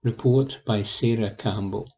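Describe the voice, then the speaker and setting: A man reading newspaper articles aloud as a volunteer, in a steady read-aloud delivery. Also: fairly low pitch, a little slow, rough recording.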